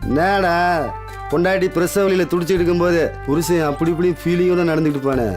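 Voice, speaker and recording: An actor playing a loud young village man who teases and shouts after his friend, in film dialogue. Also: sits high, steady tone, fast, close to an everyday voice. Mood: teasing. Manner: shouting, teasing banter. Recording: film soundtrack with music.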